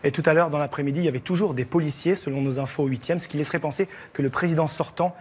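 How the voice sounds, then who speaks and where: A man working as a TV reporter, presenting a lively news report in a conversational way that builds suspense. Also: fairly high pitch, racing, slight background noise. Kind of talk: lively spoken report to studio.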